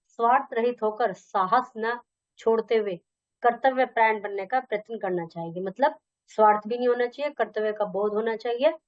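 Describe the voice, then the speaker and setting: A woman's voice: fairly high pitch, dry recording. A young woman teaching a Hindi lesson, reading textbook lines and explaining them in casual Hindi with some English. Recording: dull dry lo-fi recording.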